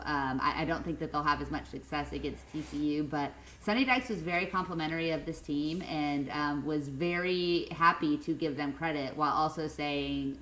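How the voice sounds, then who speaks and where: A woman co-hosting a sports podcast, animated and enthusiastic, with frequent ums. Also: deep voice. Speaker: podcast co-host. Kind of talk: casual sports podcast chat. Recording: echoey room with faint noise.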